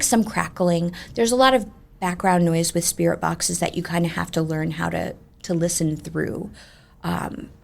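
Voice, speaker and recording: A woman ghost tour guide chatting in an animated, emphatic way as she tells ghost stories in an interview. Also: fairly low pitch, creaky. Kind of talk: conversational ghost storytelling.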